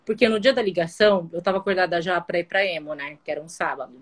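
A woman guest telling her story in a casual online conversation, in an animated way. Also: lowish voice, fast talker. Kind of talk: casual video-call conversation.

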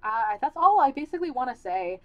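A woman's voice: high-pitched, very animated, brisk, highs cut off. Rambling, candid woman podcaster. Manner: candid, rambling, many fillers and restarts. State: losing her voice. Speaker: podcast host. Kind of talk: casual solo podcast talk.

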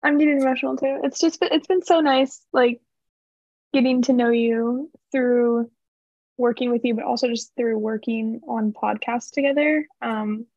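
A woman's voice: a little high, unhurried, a little mellow, no room sound. A young woman in her twenties co-hosting a student podcast, bubbly and spontaneous, often saying "like". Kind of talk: casual chat. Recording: dull, dry lo-fi sound.

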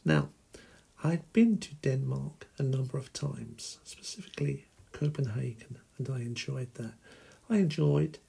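A middle-aged Englishman hosts a podcast alone, speaking slowly and deliberately in a gravelly, husky voice. His pitch is medium and his sound is mellow.

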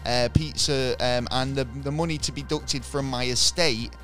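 A man's voice: mid-range voice, steady tone, normal speed, fairly bright tone, soft background music. A man co-hosting a podcast in casual chat, telling a rambling, jokey story while hiccuping. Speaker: podcast co-host.

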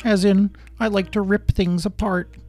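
A man voicing a small, nerdy male reptile creature who compulsively takes things apart, in a high, pleading voice. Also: flat delivery, normal speed, a little mellow, faint music behind, lightly acted. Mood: eager.

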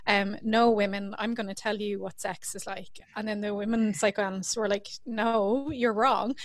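A woman speaks as a podcast guest in a relaxed, chatty way, often laughing and filling gaps with "like" and "um". Her voice sits at an ordinary middle pitch. The recording is dry and close, with no room sound. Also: no room sound. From Ireland. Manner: chatty, laughing, lots of fillers. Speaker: podcast guest, sex researcher. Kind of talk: casual interview chat.

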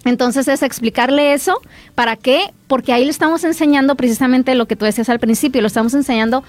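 A woman with a high voice explains parenting advice as an interview guest. She acts out short dialogues between parent and child and restarts her sentences often. The sound is dry and close, with faint music underneath. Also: fast, no room sound. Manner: frequent restarts while explaining. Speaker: psychologist, guest.

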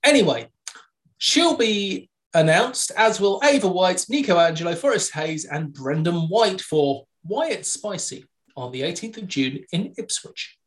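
A woman co-hosting a podcast, briskly reading match lists with dry jokes in a casual news roundup. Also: lowish voice, lively intonation. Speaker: podcast co-host.

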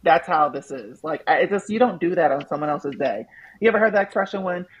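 Husky-voiced, blunt man. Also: on the high side, expressive, quick pace, dull audio. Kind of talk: casual group chat.

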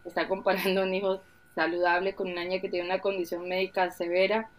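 A woman's voice: fairly low pitch, level tone, fast. A woman, a mother co-hosting a casual podcast conversation, speaking frankly and with emphasis.

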